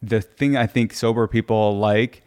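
A man's voice: fairly low pitch, steady tone, measured pace, a little mellow, clean tone. A man hosting a podcast in casual, musing conversation, joking and swearing freely. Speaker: podcast host.

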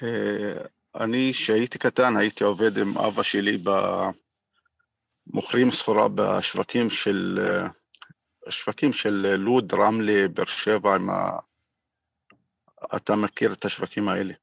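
A middle-aged man from Gaza with an Israeli accent and a gravelly voice, answering interview questions haltingly over the phone. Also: fairly low pitch, flat delivery, no room sound. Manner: halting, searching for words. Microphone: phone call. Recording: muffled, dull phone line.

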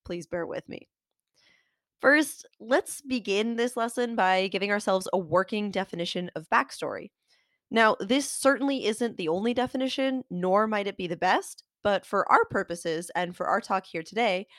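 Woman, nasal and stuffed up with a cold, mid-range pitch, dry close sound, articulate instructional narration. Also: no room sound. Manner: articulate, explanatory, addresses listeners directly. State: getting over a cold. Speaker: host of a fiction writing show, author.

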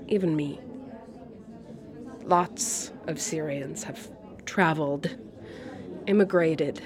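With a lowish, darkish voice, an actress portrays a proud Syrian refugee in her sixties, a retired art teacher in a wistful, sad mood. She delivers a dramatic monologue as an intimate coffee shop chat, speaking reflectively and conversationally and pausing between phrases. Cafe crowd chatter fills the background.

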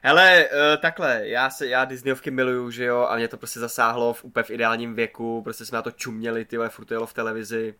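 Bright-voiced rambling man. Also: mid-range voice, few pauses, clear, resonant tone. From Czech Republic. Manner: rambling, animated, swears casually. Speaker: podcast co-host. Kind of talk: casual chat.

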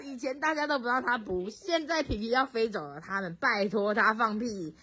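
A woman reading a children's storybook aloud at home to a child, very expressive and stopping to chat with the child. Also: a little high, a little fast, husky, shouting. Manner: expressive, swoops up for excitement, chats with the child.

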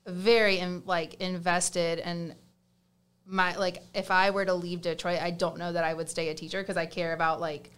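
A woman's voice: on the low side, little pitch movement, moderate pace, fairly bright tone, clean tone. A young woman with a Southern US accent, chatting as a guest in a casual interview, with lots of fillers and restarts.

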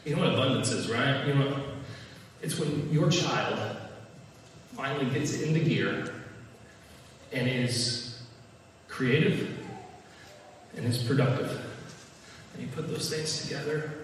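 A man's voice: mid-range voice, measured pace, long pauses, a little hiss or hum. A man preaching a sermon in a casual, conversational, joking way. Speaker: pastor. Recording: echoey hall, distant mic.

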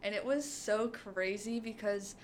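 A young woman talks through a recap at an unhurried pace, filling her sentences with um and like. Her voice sits at an everyday middle pitch, and a faint noise runs underneath. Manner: rambling, many "um" and "like" fillers. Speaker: podcast co-host. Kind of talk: casual chat recapping a show.

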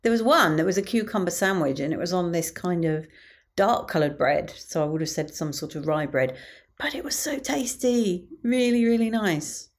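A woman's voice: on the low side, normal speed. A woman with a British accent, chatting through an audio diary as a podcast host. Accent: British English.

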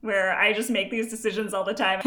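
A woman's voice: medium pitch, steady tone, a little fast, a bit bright. A woman co-hosting a podcast, chatting casually about a TV episode and laughing often. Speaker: podcast co-host. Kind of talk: casual chat recapping a TV episode.

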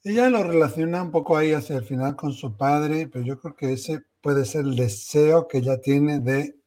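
Man co-hosting with a reassuring, slightly high voice. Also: normal speed, a little mellow. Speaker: medium and co-host. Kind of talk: casual explanatory talk.

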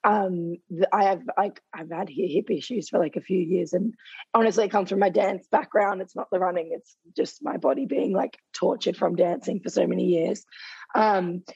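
A young woman in her twenties, a runner appearing as an interview guest, chats casually and says "like" constantly while losing her voice. Her voice is on the low side, gravelly and mellow with a breathy edge, at a moderate pace in lo-fi sound.

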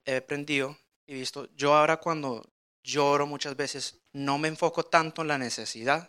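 Halting man with a bright voice. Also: medium pitch. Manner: halting, with frequent restarts and repeated words. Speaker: guest speaker at a church. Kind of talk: personal testimony sermon.

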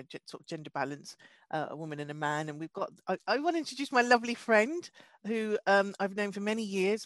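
With a voice on the low side and no room sound, this comedian and co-host keeps things chatty on a chat show, laughing easily and restarting sentences when she stumbles. She handles casual conversation and introduces guests.

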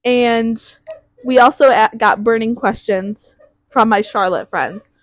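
A woman's voice: fairly high pitch, takes it slowly, no echo, rough recording. A woman hosting a podcast in casual chat, giggling and chatty. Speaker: podcast host.

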